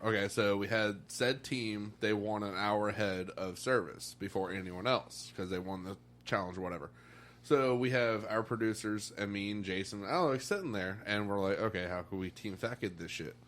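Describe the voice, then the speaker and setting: A man's voice: on the low side, moderate pace, a bit bright. A man telling casual anecdotes like a frat bro, with slang, swearing and acted-out quotes. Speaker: reality show contestant.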